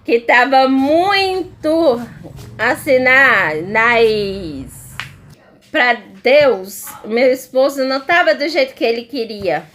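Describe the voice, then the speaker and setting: A woman's voice: high-pitched, animated, slow pace, a bit bright. A woman giving an emotional religious testimony as a missionary, in a fervent, repetitive storytelling manner.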